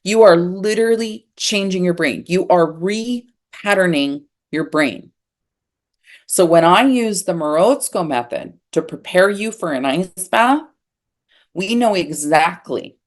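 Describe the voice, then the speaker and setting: A woman cold-exposure coach, a podcast guest, telling personal stories in an earnest, animated way. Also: low-pitched. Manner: earnest, animated, acts out emotions. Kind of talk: personal storytelling in conversation.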